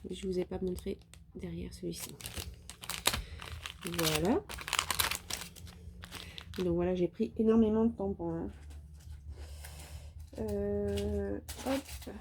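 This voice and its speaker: Slow and flat, with long pauses and noise in the background, this mid-range voice belongs to a French craft vlogger. She presents her haul casually but hesitantly, tripping over words and filling gaps.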